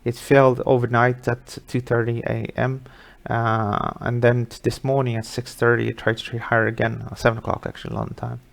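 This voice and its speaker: A man's voice: medium pitch, completely flat delivery, brisk, creaky, few pauses. A middle-aged man from Sweden hosting a live market webinar, talking casually through charts with many fillers.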